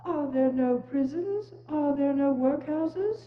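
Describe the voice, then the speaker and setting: A woman's voice: high-pitched, takes it slowly, faint music behind. A woman playing a solemn, stern, aging Christmas spirit in a stage reading, speaking in declamatory warnings. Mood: scornful. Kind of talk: amateur dramatic reading on stage. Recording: muffled, echoey church hall.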